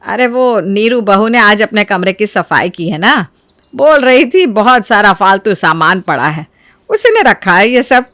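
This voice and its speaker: A woman's voice: mid-range voice, very animated, unhurried, fairly bright tone, no echo, studio quality. A woman voicing a stern, bossy mother-in-law who orders the household around in a family storybook. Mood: casual. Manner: scolding, bossy. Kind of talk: storybook character acting.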